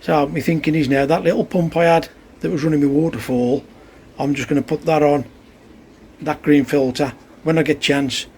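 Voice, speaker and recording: This man's slightly mellow voice sits on the high side, steady and at a moderate pace, as he rambles chattily and with exasperation about his pond pump. A koi hobbyist, he films the casual vlog on his phone in heavy outdoor rain, with faint rain and ambient outdoor sound behind.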